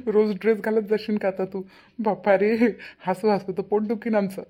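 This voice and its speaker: A woman's voice: medium pitch, little pitch movement, moderate pace, mellow, close to an everyday voice. A woman voicing a teasing old village father-in-law. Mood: mocking. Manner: teasing, chuckling. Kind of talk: cartoon voice acting.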